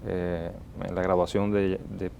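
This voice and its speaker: A Cuban molecular biologist answers interview questions as a guest, speaking with a Cuban Spanish accent and frequent hesitant fillers. His voice is low, flat, a little slow, creaky and slightly mellow, with a bit of background noise.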